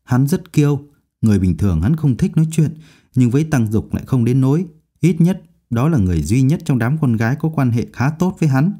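A man's voice: medium pitch, animated, brisk, warm tone, close to an everyday voice. A man voicing a chatty female student in a storybook, talking in a confiding, knowing way.

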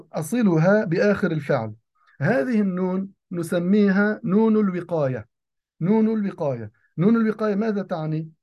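A man giving a grammar lesson, who repeats key phrases and slows down to say the example sentences. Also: high voice. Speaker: teacher of Arabic grammar. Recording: dull lo-fi recording.

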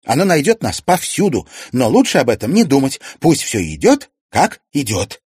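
A male audiobook reader voicing a calm, sensible teenage girl with a wry, advising manner. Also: mid-range voice, normal speed, breathy edge, no room sound, clean studio sound, pitched above the performer's own voice. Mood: thoughtful. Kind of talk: audiobook character voice.

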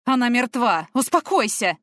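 A woman's voice: medium pitch, brisk, fairly bright tone, no room sound, studio quality, lightly acted. A woman voicing a tall, stern man who barks orders. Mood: commanding. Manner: barking orders.

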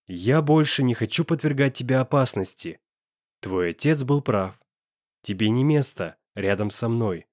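A man doing a hushed pained young man. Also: animated, unhurried, no room sound, clean studio sound. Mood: cold. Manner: low husky murmur.

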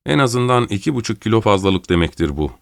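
A man's voice: lowish voice, animated, fast, gravelly, no room sound. A man voicing a male boxing manager who speaks in a dry, matter-of-fact way. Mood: smug.

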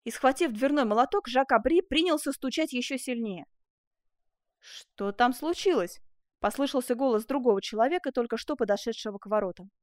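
A woman narrating a storybook in an expressive reading. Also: high-pitched, quick pace, hardly any pauses, dry recording, studio quality. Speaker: audiobook reader.

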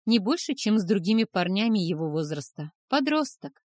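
A woman's voice: medium pitch, big pitch swings, normal speed, darkish tone, dry recording, clean studio sound, close to an everyday voice. A woman reading aloud voices a young, timid maid who speaks hesitantly and a little pleadingly. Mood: anxious.

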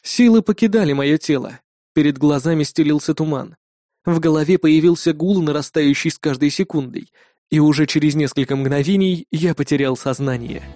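A man narrating a first-person fantasy audiobook, expressive and irritable when speaking as the hero. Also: fairly high pitch, normal speed, dry recording, clean studio sound.

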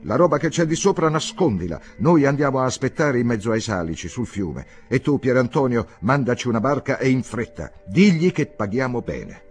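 A man reading aloud and voicing a devoted young male coachman, eager and animated in an old novel. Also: deep voice, moderate pace. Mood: urgent.

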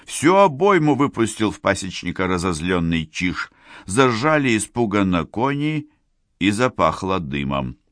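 A man narrating an audiobook in a measured, steady storytelling manner, recorded close to the mic. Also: lowish voice, no echo.

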